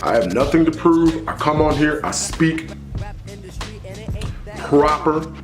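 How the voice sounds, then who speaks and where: A man's voice: fairly high pitch, takes it slowly, reverberant, faint music behind. A man giving an emphatic, preachy opinion monologue, repeating phrases for stress. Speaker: commentary vlogger.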